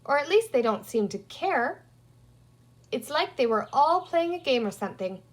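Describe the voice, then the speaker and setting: A woman voices a bossy, resourceful young girl in a children's storybook, using a high pitch set above her own natural voice, with big swings and a moderate pace. She sounds decisive, speaking emphatically as the character reasons things out aloud.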